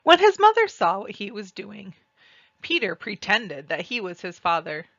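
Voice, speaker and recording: A woman reading a children's storybook aloud and describing its pictures, with deliberate, expressive phrasing. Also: medium pitch, dry recording, highs cut off. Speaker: read-aloud narrator.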